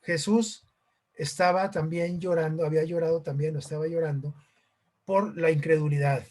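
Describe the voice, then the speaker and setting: A man gives an informal sermon in a voice pitched a little high. He talks hesitantly, full of fillers and restarts. He keeps asking his listeners questions. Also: level tone, moderate pace, darkish tone. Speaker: preacher.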